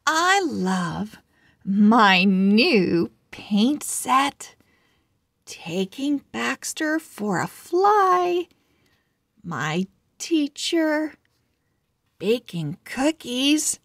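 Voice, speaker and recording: Voiced by a woman, a young storybook owl girl cheerfully reads from her diary, chatty and emphatic throughout. Her pace is very slow, and her words get stressed with big, animated swings in pitch. The voice is exaggerated, and the sound is clean studio audio with no echo.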